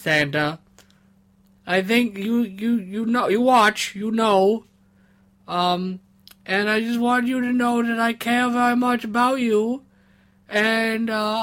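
A man's voice: very high-pitched, bright, forceful tone, exaggerated voice. A man voicing a sad, tipsy, sweet-natured troll who rambles and stammers through apologies on a comedic phone call.

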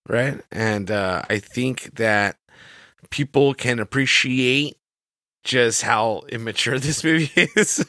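A man with a mid-pitched voice, recorded close and dry, co-hosts a movie podcast. He chats casually and slangily, like one buddy to another. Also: sharp tone, no echo. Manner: slangy, calls his partner brother, dude and man. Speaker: podcast co-host. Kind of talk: casual film podcast chat.

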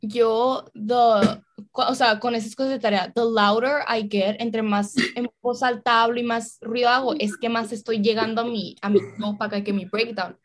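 A woman's voice: on the high side, normal speed. A woman chatting animatedly as a podcast co-host, laughing and mixing in English. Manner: animated, laughing, switches between Spanish and English. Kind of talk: casual chat.

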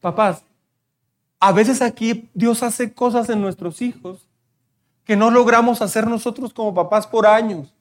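A man's voice: high voice, measured pace. A middle-aged man preaching a sermon as pastor, fervent, repeating key phrases and speaking straight to the congregation. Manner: addresses the congregation directly.

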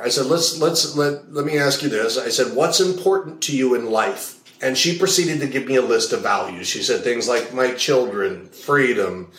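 A man's voice: mid-range voice, fairly bright tone. Man telling coaching stories in an echoey room. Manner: explains in long stories, repeats key phrases. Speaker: guest, hypnotist and values coach. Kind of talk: casual interview talk with anecdotes.

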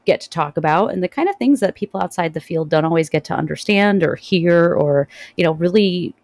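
Gravelly, relaxed woman podcast host. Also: on the low side, brisk, no echo. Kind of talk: casual podcast chat.

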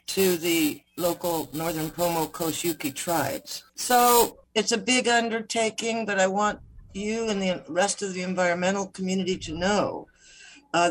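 A woman guest answering interview questions over a poor-quality video call connection, measured and often stopping to correct herself. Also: lowish voice. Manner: measured, with frequent fillers and self-corrections. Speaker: guest, legal counsel.

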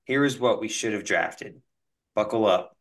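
A podcast host with a fairly low voice and measured pace reads listener comments aloud on a casual show, laughing as he reels off long lists.

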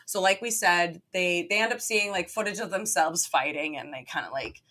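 A woman's voice: fairly low pitch, moderate pace, bright, forceful tone. A woman co-hosting a podcast, casually recapping a movie with lots of "like" and easy laughter. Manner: filler-heavy, lots of "like", laughs easily. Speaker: podcast co-host.

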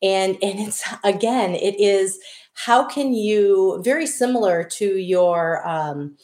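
A woman's voice: medium pitch, slow, a little mellow. A middle-aged woman with a Wisconsin accent, chatting casually as an interview guest, self-deprecating and often restarting her sentences. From Wisconsin, USA. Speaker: guest, diversity consultant. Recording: echoey room.

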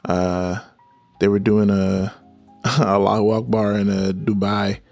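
A man's voice: fairly low pitch, flat delivery, slow, vocal fry, a little mellow, no echo. A man hosting a casual solo podcast, talking in a playful, rambling, slangy way with music behind him. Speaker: podcast host.

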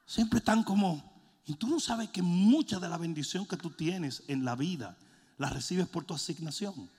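A man preaching a sermon, joking and shouting in turns. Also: sits high, moderate pace, slightly rough. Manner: animated, jokey, swings between shouting and mimicking. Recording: long hall reverb.

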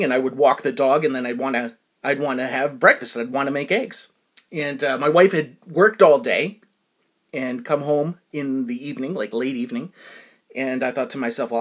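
A man telling a personal anecdote in a casual, rambling way, full of restarts and asides to his listeners. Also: a little high. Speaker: storyteller.

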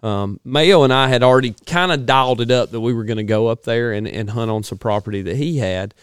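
A man's voice: mid-range voice, fairly quick, clear, resonant tone, no echo. A man chats casually in a clean, resonant voice. He is folksy and colloquial with a joking bent. The recording is close and dry. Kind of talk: casual chat.

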